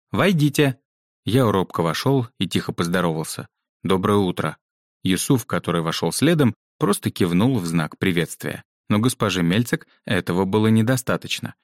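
A man narrating a children's book aloud in an expressive way, giving each character a voice. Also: deep voice, no echo, clean studio sound. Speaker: audiobook narrator.

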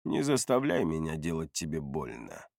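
Guy putting on a low hushed threatening mage, dry and close. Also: expressive, normal speed, no room sound, close to an everyday voice. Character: menacing, cold-voiced male mage.

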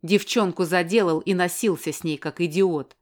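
A spiteful young woman snarls her insults loud and scornful, spitting contempt at her rival, as a female reader puts her on. The voice sits a touch low and strong, and every line is pushed hard. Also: measured pace, clear, resonant tone, natural voice. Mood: sneering. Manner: hissing, scornful, raised voice.

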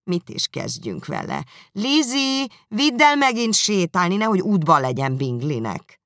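A woman voicing an excitable, fussy middle-aged mother who exclaims and complains in a bossy way, in an audiobook reading. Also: on the low side, dry recording, clean studio sound, voice pushed up, exaggerated voice. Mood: indignant. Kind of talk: audiobook character voice.

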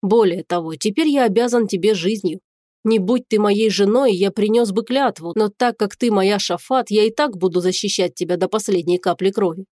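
A woman's voice: mid-range voice, normal speed, dark tone, no echo, studio quality, natural voice. Woman reading as a haughty dragon man. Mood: gruff. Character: arrogant cynical male dragon shapeshifter, big and strong.

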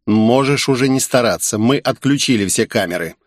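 A man's voice: medium pitch, moderate pace, dry recording, clean studio sound, close to an everyday voice. A man voicing a scheming, ruthless male terrorist leader who sneers and barks orders in an audiobook. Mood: commanding. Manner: sneering and commanding.

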